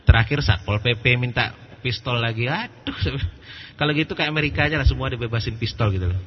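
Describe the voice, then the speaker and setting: A male preacher giving a religious lecture in a lively storytelling way, acting out quoted voices and laughing at his own jokes. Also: mid-range voice, fast talker. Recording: muffled lo-fi recording with faint background noise.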